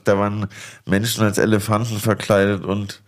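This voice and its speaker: A young man from Berlin co-hosting a podcast, telling stories in an excitable, slangy, casual way. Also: on the low side, moderate pace, a little hiss or hum. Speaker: podcast co-host.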